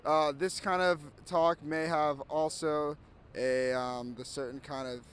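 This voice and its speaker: A man's voice: a little high, flat delivery, takes it slowly. Young man interviewed outside, faint street noise. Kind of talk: hesitant off-the-cuff opinion.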